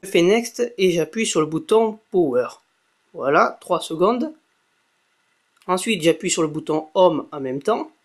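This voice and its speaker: A man's voice: high voice, animated, unhurried. A young man giving a casual spoken tech tutorial, chatty, with many fillers and self-corrections. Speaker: tech video blogger. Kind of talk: casual screen-recorded tutorial.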